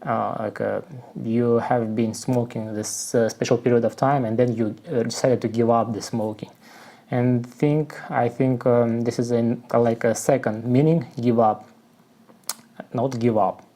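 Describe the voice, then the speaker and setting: A Russian-accented man explains song lyrics to English learners, unhurried and careful, in a dark, mellow mid-range voice with a steady tone. His speech is halting as he searches for words, frequently leaning on "you know" and other fillers.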